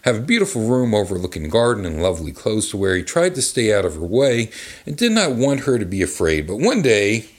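A man's voice: lowish voice, wildly swooping pitch, fairly quick, breathy edge. A man hosting a comedic live reading of a children's book in a bar, rambling into crude asides with many fillers.

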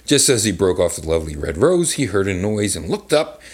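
A man's voice: sits low, sing-song, brisk, husky. A man hosting a comedic live reading of a children's book in a bar, rambling into crude asides with many fillers.

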